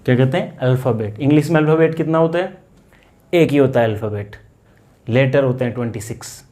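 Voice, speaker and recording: A man's voice: mid-range voice, fairly quick, warm tone. A man with an Indian accent teaching English grammar in a lesson, asking questions and answering them himself and repeating key words. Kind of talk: classroom-style grammar lesson.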